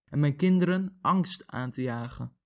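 A man voicing a small, brave male wren father in a read-aloud fable, raising his voice gently as a storyteller would. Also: on the high side, moderate pace, natural voice. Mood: scolding.

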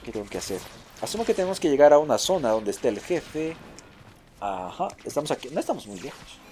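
A man hosting a let's play video, commentating excitably, repeating short phrases in bursts and chatting to his viewers. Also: a little high, fast talker, slight background noise. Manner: chatty, addresses viewers as a group. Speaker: gaming video host.

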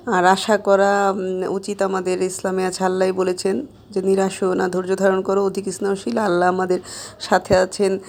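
A woman vlogger chatting casually to her followers in a hesitant, rambling, repetitive way with many filled pauses. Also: medium pitch, a little mellow. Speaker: social media vlogger. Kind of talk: casual chat to followers while snacking.

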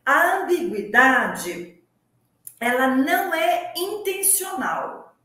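A high-pitched Brazilian woman explains grammar points with emphatic, teacherly insistence, stopping and restarting her sentences. Her voice bounces around a strongly echoing studio. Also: big pitch swings, takes it slowly, sharp tone. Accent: Brazilian Portuguese. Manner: didactic, emphatic, laughs often, many restarts. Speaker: Portuguese language teacher hosting a talk show. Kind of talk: explanatory talk-show chat.

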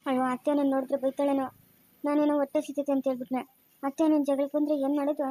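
A meek young daughter-in-law murmurs softly and timidly in a high, hushed voice, as a woman puts her on. She talks quickly. The recording is close and dry. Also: flat delivery, dry recording, lightly acted, rough recording.

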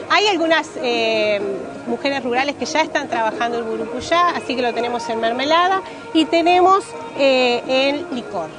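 A woman's voice: high-pitched, moderate pace. A woman in her forties with a Rioplatense Spanish accent, giving a live cooking demonstration step by step at an outdoor fair stand, repeating key words as she goes. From Uruguay. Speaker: pastry cook. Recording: music playing behind, outdoors.

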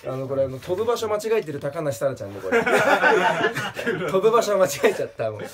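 A man's voice: fairly quick, over a noisy crowd. Giggly man presenting gag pictures. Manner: laughs at his own jokes, lively pitch swings; pitches up into a strained high whine for punchlines. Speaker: comedian presenting joke pictures. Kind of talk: casual comedic talk with laughter.

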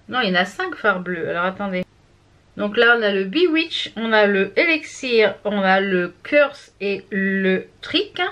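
A woman's voice: a little high, a bit bright. A woman from France chatting casually through a makeup product review, with many fillers and restarts. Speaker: beauty vlogger.

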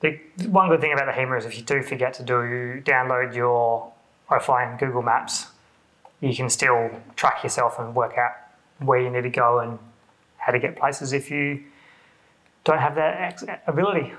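Bright-voiced man, dry asides. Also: medium pitch, steady tone, normal speed, poor audio. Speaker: vlog co-host. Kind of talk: casual chat. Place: living room at home.

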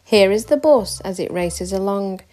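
A woman reading a rhyming picture book aloud with a steady, rhythmic delivery. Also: mid-range voice, unhurried. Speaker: storybook reader. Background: soft music.

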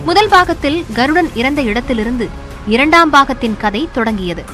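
A woman narrating a scripted, dramatic TV feature with punchy, emphatic delivery. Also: fairly high pitch. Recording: loud music bed under voice-over.

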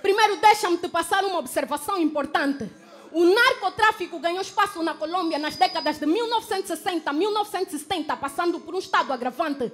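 Angolan woman battle rapper, super high voice, quick defiant comebacks. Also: animated, fairly bright tone. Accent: Angolan Portuguese. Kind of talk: rap battle verses over a crowd. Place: indoor club stage with a crowd.

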